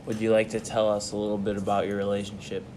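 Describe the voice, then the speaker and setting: A young man running a mock-serious interview with deadpan, formal questions. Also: lowish voice, quick pace, background noise.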